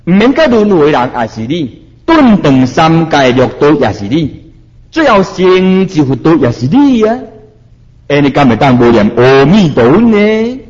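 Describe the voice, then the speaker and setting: A man with a Taiwanese Hokkien accent gives a Buddhist sermon, chanting verses slowly and then explaining them with rising exhortation. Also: on the high side, sing-song, a little mellow, lo-fi sound. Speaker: Buddhist preacher.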